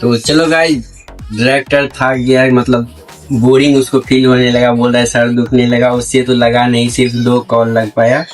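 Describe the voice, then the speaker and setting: A man with a mid-pitched voice talks casually to viewers as co-host of a prank video. Faint music plays behind him. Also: level tone, normal speed, rough recording. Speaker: co-host of a prank call vlog. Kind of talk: casual vlog talk to viewers.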